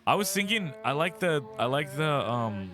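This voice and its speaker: A man's voice: fairly high pitch, normal speed, music in the background. A man co-hosting a casual comedy podcast, joking and acting out voices as he tells stories. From Miami. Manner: animated, jokey, acts out voices in stories. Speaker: podcast co-host.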